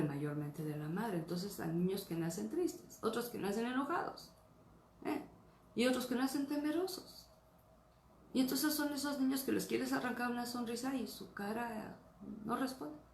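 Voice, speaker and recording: A woman's voice: a little high, normal speed, darkish tone, a little hiss or hum. A woman pastor gives an earnest teaching sermon, often checking in with her listeners. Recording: roomy echo, faint ambience.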